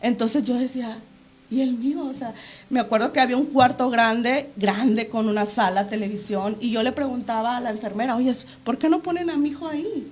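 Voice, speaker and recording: A middle-aged woman, a guest on an interview show, shares her religious testimony in a high voice with a darkish tone. She talks fairly quickly and fervently, acting out her pleas to God aloud.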